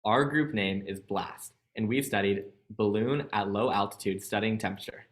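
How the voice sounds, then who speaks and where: A young man from California opening and presenting a student project on a video call, polite and measured. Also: fairly low pitch.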